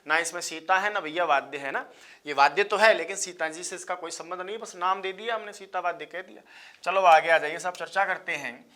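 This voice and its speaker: A man's voice: high-pitched, sharp tone. A man teaching an exam-prep lecture, repeating key points and calling his listeners brother and sir. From India. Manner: repetitive, drilling key points, addresses listeners as bhaiya and sahab.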